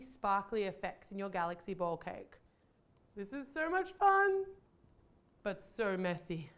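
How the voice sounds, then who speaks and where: A woman with a fairly high voice hosts a home-kitchen baking tutorial. She talks viewers through each step in a bubbly, chatty way. Soft music plays faintly behind her. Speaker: host of a baking channel.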